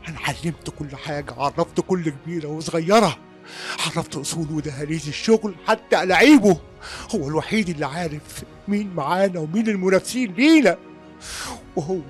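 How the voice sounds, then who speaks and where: An actor playing a wrathful, wealthy older father who disowns his son, shouting and cursing in an Egyptian accent in a radio drama. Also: fairly high pitch, lightly acted. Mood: insistent. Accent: Egyptian Arabic. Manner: shouting, cursing, repeating himself.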